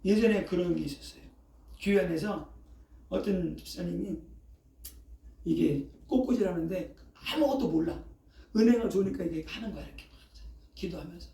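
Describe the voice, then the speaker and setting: An older pastor, in their sixties, preaches in a chatty, repetitive way, leaning on punchy sound words and checking in with the room again and again. The voice sits at a middling pitch. It reaches the mic from a distance, with the church's echo around it. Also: warm tone. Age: 60s. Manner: keeps checking in with the congregation, asking "eh?" after each phrase. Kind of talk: sermon. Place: church sanctuary. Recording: roomy echo, voice picked up from a distance.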